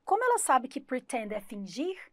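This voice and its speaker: A woman's voice: sits high, very animated, normal speed, a bit bright, dry recording, studio quality. A woman English teacher, giving an exam-prep class and explaining through rhetorical questions and retold examples.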